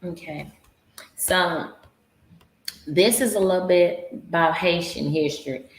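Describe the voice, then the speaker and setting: A woman hosting a casual livestream, talking slowly and haltingly with many fillers and restarts. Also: low-pitched, slight background noise. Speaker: livestream host. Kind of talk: casual livestream talk about history. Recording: echoey room with faint guitar music.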